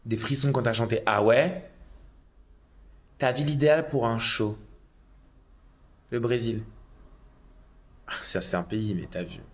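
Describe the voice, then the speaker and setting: A man's voice: mid-range voice, measured pace, pauses often. Chatty man on a phone live stream. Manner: chatty and excitable, with bursts of loud exclamations. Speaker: drag performer on a live stream. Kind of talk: casual live-stream chat reading viewer comments.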